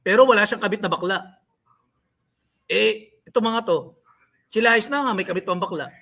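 A livestream host with a high, gravelly voice that sounds pushed and bright talks at a normal speed. In his live commentary he goes on a rant, ridiculing and scolding the people he mentions.

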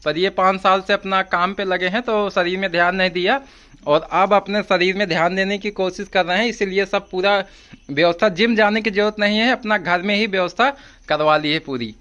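A man's voice: sits high, fairly even intonation, pushed and bright, dull audio. Chatty man filming on his phone. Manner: chatty, quick to react with short hums. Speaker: vlogger filming. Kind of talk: casual vlog chat. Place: brick house indoors, family around. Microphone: phone camera held by the speaker.

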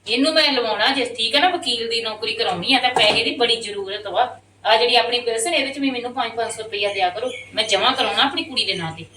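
A woman's voice: a little high, fast. Complaining woman in an echoey room. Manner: sharp, complaining, argumentative. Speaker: stepmother character in a family skit. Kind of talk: Punjabi family drama skit. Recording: roomy echo, distant mic, noisy background.

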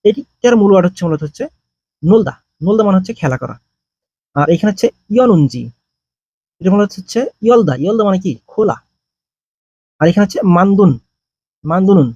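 A man with a high, dark-toned and slightly husky voice teaches a grammar lesson. He explains step by step and answers his own questions. The sound is dry and a little dull. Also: no room sound. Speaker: language teacher.

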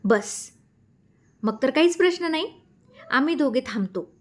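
Brief: soothing young woman teacher, read by a woman, calm and kind. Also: sits high, a little slow, voice pushed up. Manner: soothing, reassuring.

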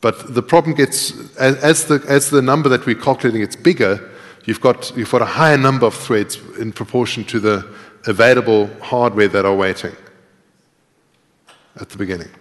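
In a large tiered lecture hall with long, echoing reverb, a middle-aged conference speaker delivers a live coding lecture. He types while explaining and thinking out loud, in a mid-range voice at a normal pace.

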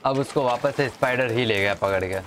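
A man's voice: medium pitch, a little fast, noisy background. A man giving casual, chatty commentary over his gameplay, talking to the viewers and to the enemies, with game music underneath. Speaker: gaming commentator.

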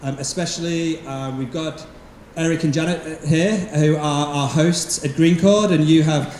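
A man's voice: fairly high pitch, fairly even intonation, unhurried, a little mellow, slight background noise. Man giving a thankful welcome speech. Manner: casual, thankful, with frequent ums. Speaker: school principal. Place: large event hall with seated audience. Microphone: handheld microphone. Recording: echoey hall with handheld mic.

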